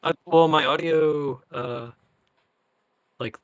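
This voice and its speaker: Male co-host, relaxed banter, noticeable vocal fry, dry close sound. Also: fairly high pitch, slow pace, no echo, muffled recording. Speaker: podcast co-host. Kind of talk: casual banter.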